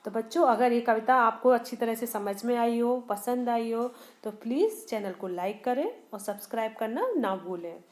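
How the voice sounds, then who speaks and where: A woman's voice: on the high side, lively intonation, moderate pace, hardly any pauses. A woman teaching a Hindi poem to students. She asks them questions and answers them herself, and she repeats and rephrases lines with small restarts. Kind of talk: poem explanation lesson for students.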